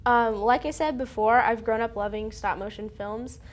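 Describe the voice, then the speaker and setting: A woman's voice: fairly high pitch, steady tone, moderate pace. A teenage girl, a student filmmaker, chatting in an interview with many fillers. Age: teens. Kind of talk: casual interview.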